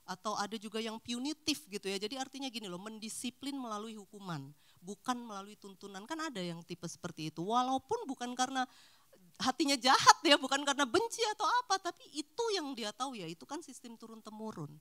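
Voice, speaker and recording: A middle-aged woman speaks in a relaxed, chatty way to a church group of married couples. Her pitch rises and falls freely. Now and then she slips into short acted bits of everyday talk. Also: fast. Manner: animated, acts out little dialogues. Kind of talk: casual talk.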